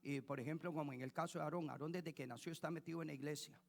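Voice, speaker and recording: A man's voice: on the high side, steady tone, very fast, creaky. Man preaching in a reverberant church. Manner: preaching with repetition and rhetorical questions to the congregation. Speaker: pastor. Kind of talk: sermon. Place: church hall.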